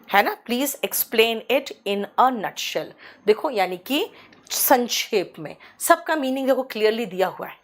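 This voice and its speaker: A woman with a Hindi accent teaching an online English class from a small studio, explaining patiently and saying the English examples slowly. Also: fairly high pitch. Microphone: studio microphone.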